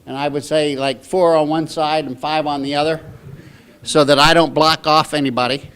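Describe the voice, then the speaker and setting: A man's voice: a little high, steady tone, normal speed, fairly bright tone, clean tone. American man officiating a rote oath ceremony. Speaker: official administering oaths. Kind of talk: rote court oath and informal ceremony directions.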